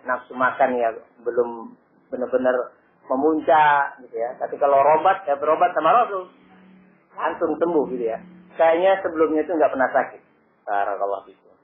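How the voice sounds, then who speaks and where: A male preacher giving an Islamic study lecture, telling stories lively and adding frequent blessings between lines. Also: mid-range voice. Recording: lo-fi phone-like audio with faint noise.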